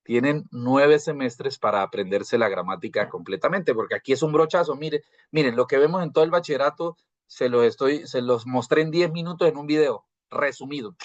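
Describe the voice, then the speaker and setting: A man's voice: medium pitch, brisk, no room sound. Man teaching over a video call. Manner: asks rhetorical questions and checks in with "¿cierto?"; repeats and restarts words while explaining. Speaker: university teacher. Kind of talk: live online grammar lecture. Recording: dry, slightly dull video call audio.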